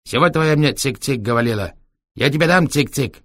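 A man voicing a stern gang boss who speaks slow, broken Russian with a Chinese accent. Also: medium pitch, animated, fairly bright tone, dry recording, pitched above the performer's own voice.

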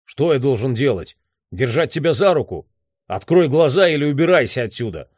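A man doing a hoarse, exasperated boss. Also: medium pitch, big pitch swings, normal speed, darkish tone, dry recording, clean studio sound, pitched above the performer's own voice. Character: gruff, irritated older male boss, shouting.

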